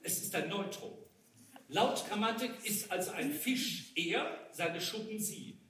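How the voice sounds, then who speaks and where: A man reads satire on a cabaret stage, his pitch riding high and swooping with amusement. The voice sits back from the mic in a roomy hall, with a faint hiss behind it. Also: lively intonation, measured pace, a bit bright. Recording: roomy live recording from a distance.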